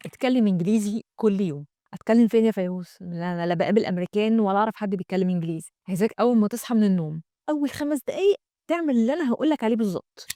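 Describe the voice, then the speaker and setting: Egyptian woman English trainer; fast, bright-pitched, dry close delivery, chatty teacher manner. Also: no echo. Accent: Egyptian Arabic. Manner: lively, addresses the viewer directly, models English phrases slowly. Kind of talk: online English lesson.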